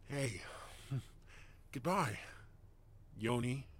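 Sly, menacing stranger. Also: male voice, mid-range voice, lively intonation, very slow. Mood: mocking. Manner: sly, mocking, drops to whispers, laughs to himself. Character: menacing adult male stranger, taunting and cruel. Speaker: villain. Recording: roomy echo with clear background noise.

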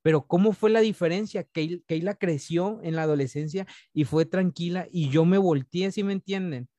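A man in his thirties co-hosts a casual faith podcast, talking earnestly and circling back with restarts as he reaches his points. His voice sits a bit higher than most men's. It is recorded close on a studio mic in a dry, dead room. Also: normal speed, warm tone, no echo. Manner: earnest, rambling with many restarts. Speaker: podcast co-host.

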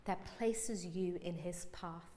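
A woman in her thirties preaching a sermon to a congregation, animated and self-mocking, acting out little quoted scenes. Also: on the low side, slow pace. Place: church hall with congregation. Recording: church hall with long reverb.

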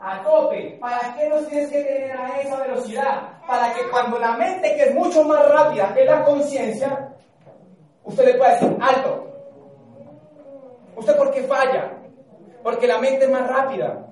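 Male speaker, high voice, emphatic, lots of questions to the room; far from mic, big echo. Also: fairly even intonation, normal speed, a little mellow. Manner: emphatic, questions the audience often. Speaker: motivational speaker. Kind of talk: live motivational talk to a group. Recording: echoey hall, off-mic.

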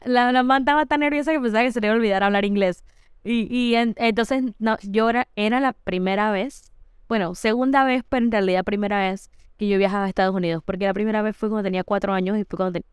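A young woman with a Panamanian Spanish accent tells a travel story on a casual podcast. Her voice is very smooth and clear, recorded close and dry. She talks in quick bursts, often restarting her words. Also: medium pitch, no room sound. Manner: chatty storyteller, halting restarts. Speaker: podcast co-host. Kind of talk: casual chat.

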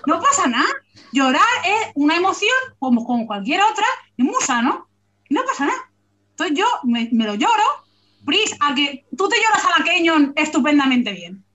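Animated woman hosting a book chat. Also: high-pitched, normal speed, highs cut off. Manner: animated, emphatic, playful. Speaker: host of a book club.

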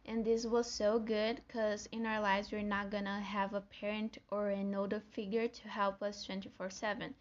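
Reading from what seem to be notes, this young Brazilian podcast host delivers scripted solo talk in an earnest, warm way, with a Brazilian Portuguese accent. Her medium-pitched voice stays level at a moderate pace, with hardly any pauses. The audio is dull.

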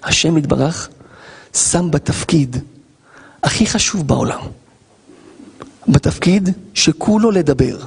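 A man, a rabbi, giving an animated Torah lesson, acting out scenes and firing rhetorical questions at listeners. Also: a little high, gravelly, long pauses, breathy edge, long reverb tail.

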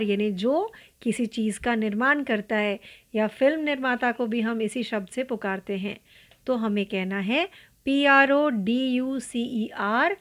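Indian woman, pronunciation teacher, slightly high voice, unhurried drilling delivery. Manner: slow, deliberate, spells out letters and repeats words for drill. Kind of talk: pronunciation lesson, spelling words aloud.

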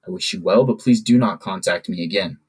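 A man's voice: low-pitched, brisk, darkish tone, breathy edge, low-quality recording. A man voicing a poised young princess who speaks in a prim, formal way. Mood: indignant. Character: elegant princess, young woman, cool and formal.

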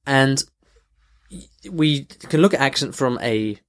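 A man of medium pitch hosting an audio lesson. He talks off the cuff, backtracking and rephrasing as he goes, and keeps checking in with the listener. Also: slow pace, fairly bright tone. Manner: conversational, many restarts and "okay" check-ins. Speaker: language teacher, podcast host. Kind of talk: unscripted podcast lesson. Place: in London.

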